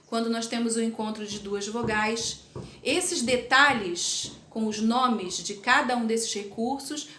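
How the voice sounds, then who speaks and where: A woman's voice: on the high side, a bit bright, roomy sound, slight background noise. Woman teacher explaining a literature lesson. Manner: explanatory, checks in with tag questions. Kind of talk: recorded class lesson.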